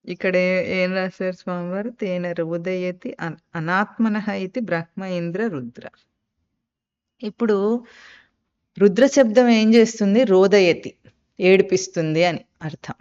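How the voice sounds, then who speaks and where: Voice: mid-range voice, smooth. A spiritual teacher giving a live scripture discourse. The teacher poses rhetorical questions, answers them, and explains Sanskrit terms. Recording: dull lo-fi recording.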